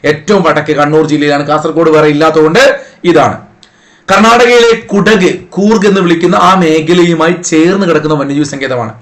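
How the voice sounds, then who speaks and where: A man teaches an online exam-prep class in a slightly high voice. He keeps coaxing his students with playful memory tricks and quick rhetorical questions, recorded close on his mic.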